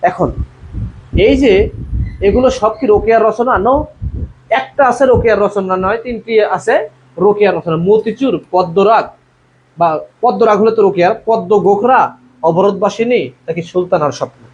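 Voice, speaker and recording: A high-voiced man speaks briskly with long pauses as he teaches a live online admission class. He reads students' answers from the comments, calls them "bhaiya" and asks the group to respond. Sound quality is dull and lo-fi with faint background noise.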